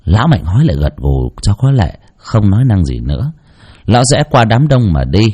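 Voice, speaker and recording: Husky, mellow male storyteller. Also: on the low side, normal speed. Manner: expressive, mocking asides. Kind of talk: scripted narration of a spooky folk story.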